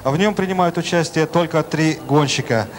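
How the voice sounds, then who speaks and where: A man's voice: on the high side, moderate pace. A man giving live race commentary as a sports commentator in an announcer-like manner. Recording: noisy outdoor track, engine noise behind. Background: motorbike engines and outdoor ambience.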